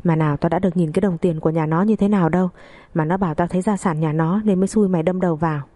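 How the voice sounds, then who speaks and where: A woman's voice: fairly even intonation, very fast, warm tone, no room sound, natural voice. A woman voicing a spiteful, bullying older mother-in-law who scolds and abuses her daughter-in-law. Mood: scolding. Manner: shrill, scolding, abusive.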